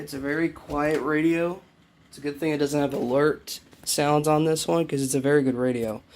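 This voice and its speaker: Showing his radio collection indoors in a small, messy room, a young man talks loosely and keeps correcting himself. His medium-pitched voice is gravelly and a little mellow.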